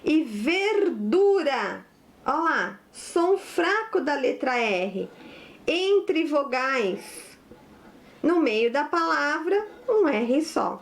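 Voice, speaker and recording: Slow, high-voiced Brazilian teacher woman. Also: big pitch swings. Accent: Brazilian Portuguese. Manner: patient, spells out each rule step by step. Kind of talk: slow, didactic spelling lesson.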